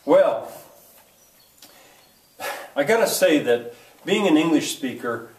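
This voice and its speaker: An older American man lectures a history class, working through his notes haltingly with frequent ums, uhs, and restarts. His voice is on the high side with lively intonation, but he sounds far away in a roomy space with a noticeable echo.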